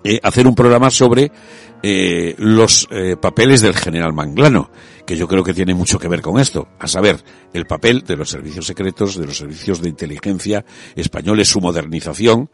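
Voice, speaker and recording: A man hosting a radio talk show, speaking in a relaxed, conversational way with frequent hesitations. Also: low-pitched, moderate pace, husky, faint music behind.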